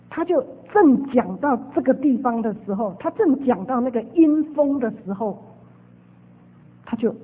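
A woman preacher telling a testimony as a storytelling sermon, animated and repeating her phrases. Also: on the high side, breathy edge. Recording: phone-like radio broadcast with long reverb.

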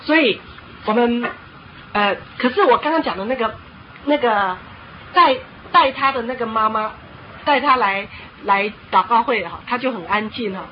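A woman preacher giving a sermon, telling stories in an animated way and often pausing on a filler word. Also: on the high side. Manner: animated storytelling with frequent filler "hao". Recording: dull lo-fi with faint noise.

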